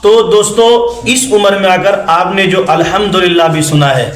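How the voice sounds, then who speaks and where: Male teacher with a high voice, drills sounds slowly and patiently, echoey room. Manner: slow, drawn-out modelling of sounds, encouraging repeats. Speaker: Quran recitation teacher. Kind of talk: patient one-on-one recitation coaching.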